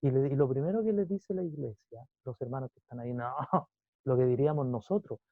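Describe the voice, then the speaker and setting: A man's voice: medium pitch, fairly quick, no echo, narrow, tinny audio. A man preaching a sermon in a conversational teaching manner, often adding asides to the listener.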